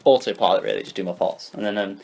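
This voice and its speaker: Fast-talking young British man, casual podcast host. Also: lowish voice, creaky, slightly rough. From Britain. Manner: rapid, animated storytelling with many restarts. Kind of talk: casual chat.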